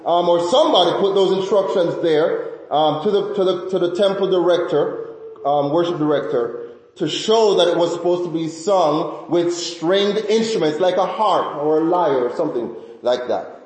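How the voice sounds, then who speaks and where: A man preaching in a church sanctuary, his voice sitting high for a man. He speaks earnestly, repeating key phrases and stumbling through fillers and restarts. The sound is very echoey, with a long reverb trailing off each phrase. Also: moderate pace, a little mellow. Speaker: pastor. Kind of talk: sermon.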